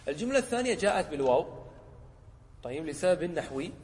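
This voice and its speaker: A man, a sheikh teaching a lesson, who explains a poem, often checks whether his students follow, and slows down to quote examples. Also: on the high side, big pitch swings, darkish tone, big-room sound. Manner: asks the class short checking questions. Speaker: sheikh teaching Arabic rhetoric.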